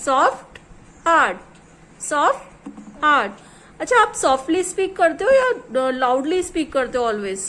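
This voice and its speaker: A woman with a high voice teaches a small child at home, taking her time over each word. She patiently repeats word pairs again and again and slips English words into her Hindi. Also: very animated, takes it slowly, long pauses, bright, forceful tone, a little hiss or hum.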